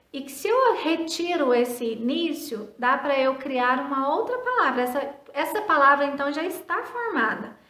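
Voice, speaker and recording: A Brazilian woman teaches children in a recorded lesson, her high, bright voice moving slowly and patiently. She spells out letters one by one and answers her own questions. The sound carries a roomy echo. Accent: Brazilian Portuguese. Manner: asks questions and answers them herself.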